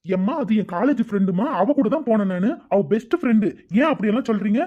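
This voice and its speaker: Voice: medium pitch, quick pace, natural voice. A performer voicing a defiant young man in a cartoon, arguing back at his aunt. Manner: protesting, argumentative. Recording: dull lo-fi audio with faint music.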